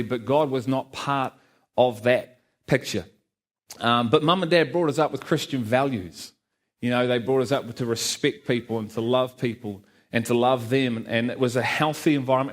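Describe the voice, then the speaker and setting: Middle-aged man, church testimony, earnest, heartfelt, medium pitch. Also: normal speed. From Liverpool, England. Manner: earnest, heartfelt, with light asides to the congregation. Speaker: guest speaker giving testimony.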